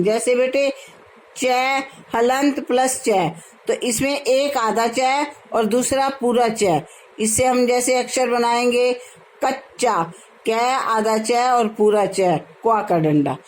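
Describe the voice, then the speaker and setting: A woman's voice: a little high, darkish tone, rough recording. A woman teacher, patiently explaining a grammar lesson to her students. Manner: slow, patient, addresses students as "beta".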